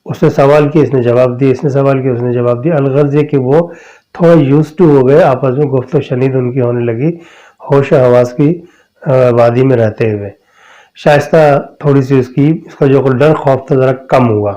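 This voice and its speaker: A man retelling a spooky true story in a relaxed, conversational way. His voice is mellow and warm, and he often circles back over his own phrases. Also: medium pitch, rough recording. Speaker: storyteller, podcast host. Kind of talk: spoken horror storytelling.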